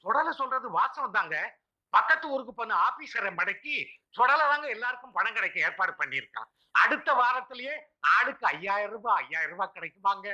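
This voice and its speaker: A sly lecturing villager. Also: male voice, high-pitched, very animated, brisk, pushed and bright, muffled recording, heavily acted. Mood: explaining. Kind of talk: film comedy dialogue.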